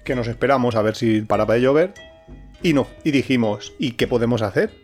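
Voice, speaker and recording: Lively man telling travel stories. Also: mid-range voice, fairly quick, faint music behind. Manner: animated storyteller who acts out the people he quotes. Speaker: podcast co-host. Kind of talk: casual travel storytelling.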